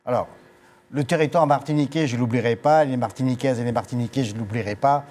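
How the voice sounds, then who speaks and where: Interviewed on TV as he leaves his post as agency director, this older guest talks fast in a mid-range, darkish voice. Even so, his formal speech is full of hesitations, and the setting is a TV studio.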